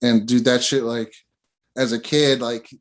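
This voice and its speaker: A man's voice: mid-range voice, level tone, measured pace. A man hosting a casual interview, talking in a laid-back way with lots of slang fillers. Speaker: interview host.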